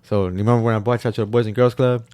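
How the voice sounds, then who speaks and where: A man's voice: medium pitch, fairly even intonation, racing, mellow, clear, resonant tone, dry recording. A young man co-hosting a podcast, telling a story in slang, full of "like" and "bro". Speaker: podcast co-host. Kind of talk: casual chat.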